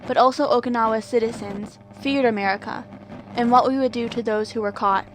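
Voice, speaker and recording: Woman acting as grave wartime radio anchor, 1940s bulletin, formal, higher pitch, faintly noisy humming recording. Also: close to an everyday voice. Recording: noticeable background noise and hum.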